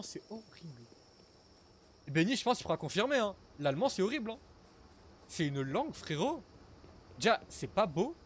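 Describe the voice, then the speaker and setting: A man's voice: a little high, a little hiss or hum. A young man streaming a survival game, chatting casually with his viewers and swearing now and then as he plays. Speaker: gaming streamer. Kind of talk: casual live gameplay commentary.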